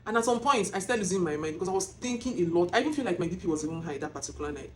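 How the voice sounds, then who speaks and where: A woman with a Nigerian accent filming herself as she tells a personal testimony, emotional and animated, close to tears. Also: fairly low pitch, very fast, slight background noise. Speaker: vlogger. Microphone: self-filmed camera.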